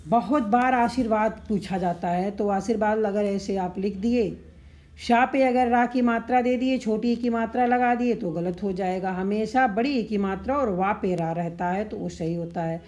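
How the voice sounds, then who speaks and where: A woman's voice: mid-range voice, moderate pace, darkish tone. A woman teaching Hindi synonyms and spelling for exams, running through word pairs and checking in with "ठीक है" as she goes. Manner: repetitive, drilling word pairs with frequent "ठीक है". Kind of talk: explanatory exam-prep lesson.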